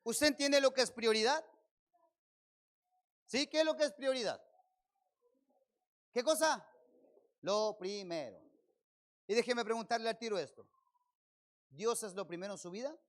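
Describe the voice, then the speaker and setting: A man with a Chilean accent preaching a sermon as pastor at a church service, firing rhetorical questions at his congregation and swelling loud on key phrases. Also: very high voice, unhurried, long pauses.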